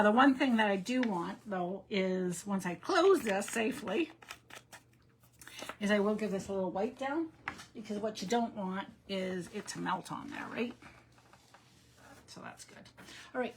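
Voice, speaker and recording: A woman's voice: medium pitch, noisy background. Chatty woman hosting a craft demo. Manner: chatty, self-deprecating, thinks aloud. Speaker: card-making tutorial host. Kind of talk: casual live crafting demo.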